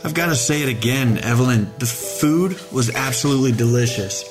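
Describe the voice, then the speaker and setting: A man's voice: medium pitch, animated, fairly quick, music in the background, lightly acted. A man playing a kind-hearted, humble trucker who jokes in a bashful, self-deprecating way. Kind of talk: audio drama acting.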